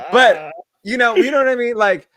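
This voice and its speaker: A man co-hosting a podcast, telling animated stories in casual chat and swearing freely. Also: extremely high pitch, no room sound, studio quality. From United States. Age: adult, past his early twenties. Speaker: podcast co-host.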